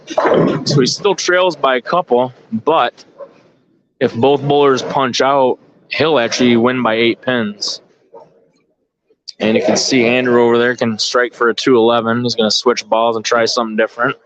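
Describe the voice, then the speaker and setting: In an unhurried manner with long pauses, a man with a medium-pitched voice and fairly even intonation comments on the play. He's the organizer and commentator of a bowling tournament, delivering casual, off-the-cuff live commentary as he informally thinks aloud. The sound is dull, lo-fi live stream audio.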